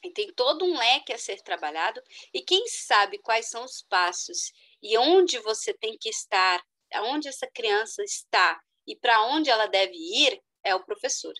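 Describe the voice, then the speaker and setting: A middle-aged woman lecturing online with a bright, fairly high voice. She explains step by step, speaks straight to her listeners and now and then jumps up in pitch for emphasis. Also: measured pace, few pauses, low-quality recording. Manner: explanatory, addresses the audience as "gente", lively with sudden high exclamations. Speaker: educational psychologist giving a talk.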